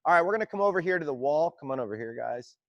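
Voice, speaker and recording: A young man coaching an online workout class, explaining squat technique and counting slow tempo reps aloud in an encouraging way. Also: a little high, no room sound, highs cut off. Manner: encouraging, counts reps loudly in a steady cadence. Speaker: fitness coach. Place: gym.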